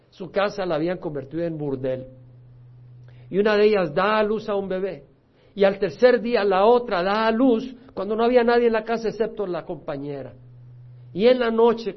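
Man, pastor, Bible study sermon, somewhat high voice, animated storytelling, loud-to-soft swings, dull lo-fi recording. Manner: animated storytelling, rising loud for quoted voices, dropping soft for teaching points.

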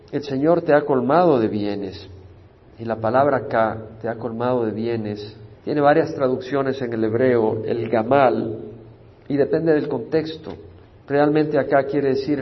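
Expressive male pastor teaching scripture. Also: medium pitch, dull audio, slight background noise. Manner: expressive, swings from loud scripture reading to soft asides; explains Hebrew words with English glosses. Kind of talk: Bible study sermon.

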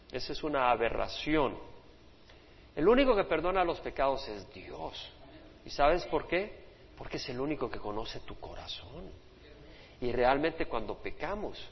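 Male pastor, fairly high voice, passionate preaching, long hall reverb. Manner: impassioned preaching, voices quoted speakers. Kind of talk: sermon. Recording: dull lo-fi sermon recording in a reverberant hall.

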